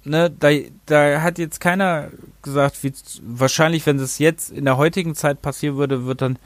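A man's voice: a little high, fairly even intonation, normal speed, dry recording. A man hosting a casual game review podcast, rambling and often tripping over his words and correcting himself. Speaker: podcast host.

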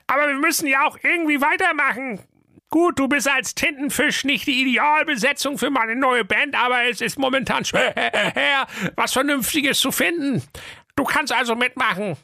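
A man's voice: very high-pitched, moderate pace, creaky, pushed and bright, no room sound, studio quality, pitched above the performer's own voice, full character voice. A man voicing a bossy, impatient male donkey in a comic audio fairy tale. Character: bossy male donkey, laid-off railway crossing keeper.

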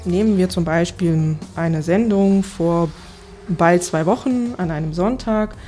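A woman working as a correspondent, explaining things in a conversational reporting style with a creaky voice. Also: lowish voice, a little slow, mellow, faint music behind.

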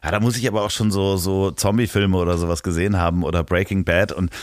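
A man's voice: sits low, fairly even intonation, quick pace, no room sound, studio quality. A man co-hosting a casual podcast over a video call, teasing and rambling with fillers. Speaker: podcast co-host. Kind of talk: casual chat. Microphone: remote call.

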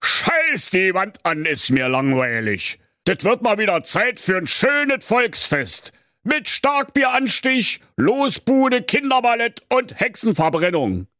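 A man plays a lazy, bored king in a comedic storybook tale, drawling slowly and bossily in coarse speech. The voice sits high with a strange, pinched timbre, recorded dry and close. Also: very animated, sharp tone, dry recording, full character voice. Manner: drawling, crude, bossy.

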